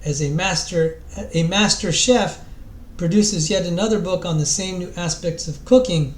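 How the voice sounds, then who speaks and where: A man puts on a high-pitched voice to read a book's introduction aloud in an echoey room, mock-dramatically and with light acting. His theatrical, solemn delivery has grand pauses and the occasional stumble over a repeated word, giving it a grandly solemn mood.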